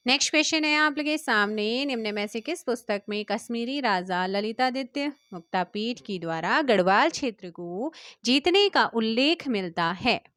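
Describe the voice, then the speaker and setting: A woman teacher with an Indian Hindi accent reads through exam questions at a brisk pace and keeps pressing her viewers for answers. Her voice sits a little high and sounds smooth and clear. The recording is close and dry, with no room sound. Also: fairly bright tone, dry recording. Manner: brisk, quizzing viewers and urging them to comment. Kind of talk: quiz-style exam prep lesson.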